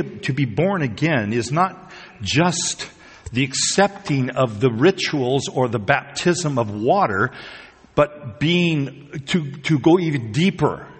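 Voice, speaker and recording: A man's voice: medium pitch, husky, big-room sound. A man preaching a sermon, talking conversationally and rising to emphatic peaks. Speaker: pastor.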